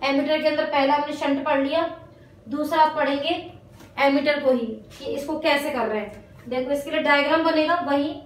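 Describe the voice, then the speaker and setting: A woman with an Indian accent teaching physics to a class, dictating notes slowly in English and repeating each phrase before explaining it. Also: high-pitched, steady tone, slight background noise. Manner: addresses students as "beta". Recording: echoey room from far off.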